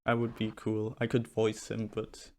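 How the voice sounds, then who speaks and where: A man's voice: lowish voice, monotone, measured pace, background noise. A young man from Serbia co-hosting a podcast, joking around in casual chat with lots of restarts. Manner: joking, restarts a lot, loose and playful. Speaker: podcast co-host.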